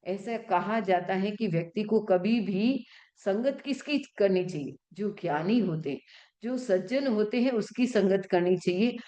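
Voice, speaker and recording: A woman, a Jain nun, teaching a class in religious chanting and pronunciation. She asks the class questions and answers them herself, and slows right down to sound out words. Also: medium pitch, mellow. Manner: stretches words slowly when showing pronunciation.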